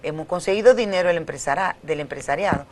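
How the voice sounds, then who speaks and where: A woman's voice: fairly low pitch, quick pace. A middle-aged woman with a Dominican Caribbean Spanish accent, explaining things as an academic guest in a conversational interview.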